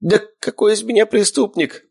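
Мужчина озвучивает тщедушного перепуганного пленника, который ноет, заикается и умоляет. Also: male voice, sits high, normal speed, creaky, darkish tone, breathy edge, pitched above the performer's own voice, full character voice. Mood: frightened, whining. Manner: whining, stammering, pleading. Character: scrawny frightened male captive, whiny and cowardly.

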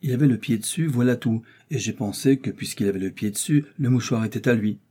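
A man reading an audiobook, voicing a young male Gascon swordsman, proud and quick to take offense. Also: medium pitch, dark tone, slightly rough, close to an everyday voice. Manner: touchy, proud, defiant.

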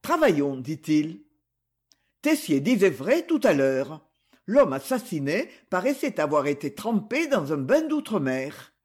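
A gruff police commissioner, dry and a little mocking, speaks in measured tones, as a male narrator reads him. The voice sits high for a man, with a husky grain and a lively lilt. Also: heavily acted. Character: gruff, ironic middle-aged police commissioner.

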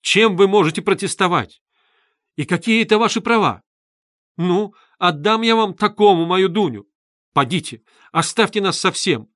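A man playing a shrill, indignant mother. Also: expressive, brisk, fairly bright tone, no echo, clean studio sound. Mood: furious. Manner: shrill, exclaiming, scolding. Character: indignant middle-aged mother, proud and fussy woman.

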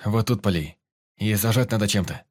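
Brief: man voicing a steady practical soldier, low and plain. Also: normal speed, natural voice.

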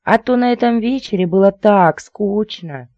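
A man's voice: high-pitched, moderate pace, a little mellow, dry recording, dull audio, pitched above the performer's own voice, close to an everyday voice. A man voicing a bossy, amorous woman in her seventies with a thin, squealing voice, for an audiobook. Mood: whiny. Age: 70s.

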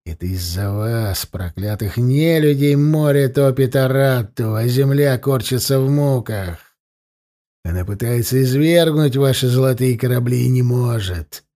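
A blind captive singer rasps and hisses his hatred in a low, hoarse voice, as a man reading the story puts him on. His words come slowly and with bitter fury. It is a dark fantasy audiobook. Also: lightly acted. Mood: furious. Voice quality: hoarse, hissing. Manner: bitter, shouting in rage.

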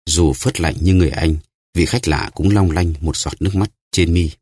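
A man narrating an audiobook in a steady, even storytelling manner. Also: deep voice, moderate pace, breathy edge, no room sound, studio quality.

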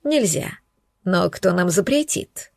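A woman voicing a stern, domineering husband in an audiobook, speaking low and quiet. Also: lively intonation, takes it slowly, gravelly, no room sound, studio quality, exaggerated voice. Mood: teasing. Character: stern, domineering wealthy husband, adult man. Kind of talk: audiobook character voice.

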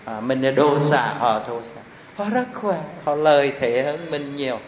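A man's voice: medium pitch, normal speed. A man teaching Buddhist doctrine in a classroom lecture, repeating key terms and asking his listeners rhetorical questions. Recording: echoey hall, slightly dull with faint hiss.

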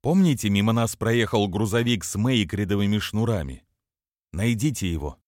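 A male reader voicing a sharp, scheming young woman in a dry, close audiobook recording. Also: expressive, normal speed, no echo, lightly acted. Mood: tense. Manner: higher, lighter put-on voice, faking a choked wheeze on the call.

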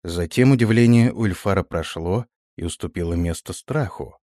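A man narrating a fantasy story in a steady storytelling manner, voicing the characters. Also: low voice, normal speed, no room sound, studio quality. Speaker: audiobook narrator.

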